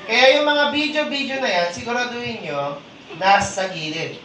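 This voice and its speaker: A man's voice: very high-pitched, moderate pace, background noise. A man leading a live training seminar, teasing and quizzing his audience in call-and-response. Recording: echoey hall, distant mic, audience murmur.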